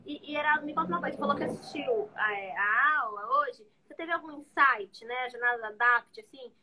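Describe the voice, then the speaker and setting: A woman's voice: high-pitched, a little fast, pushed and bright, rough recording. A woman psychologist asking questions and affirming in a casual live video chat. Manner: brief affirming interjections and questions. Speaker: psychologist, guest.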